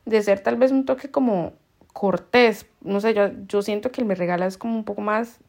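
Costa rican girl just chatting on her podcast, kinda dark raspy-fry voice, laughs a lot, tons of slang. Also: medium pitch, moderate pace. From Costa Rica. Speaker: podcast host. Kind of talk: casual storytelling chat.

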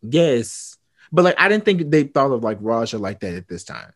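A man co-hosting a casual chat, rambling quickly with lots of fillers and the odd swear. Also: mid-range voice, big pitch swings, no room sound, clean studio sound. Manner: rambling, fast, filler-heavy, swears freely. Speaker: podcast co-host.

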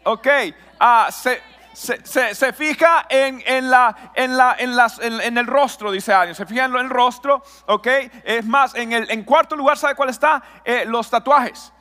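A man preaching a lively sermon as a pastor, asking his audience questions and joking with them. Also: extremely high pitch, a little slow, long reverb tail, soft background music. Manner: lively, talks with an audience, asks questions and jokes.

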